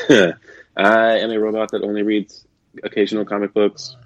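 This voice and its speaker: Flat and on the low side, this man's voice moves at normal speed as he hosts a podcast from a makeshift setup while traveling to a conference. The chat is casual and easygoing, with many fillers and restarts. It sounds slightly robotic and metallic, in a dull, dry lo-fi recording with no echo.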